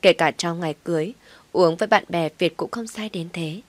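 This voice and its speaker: A woman narrating a family drama story in expressive audiobook style. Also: fairly low pitch, a little fast, dry recording.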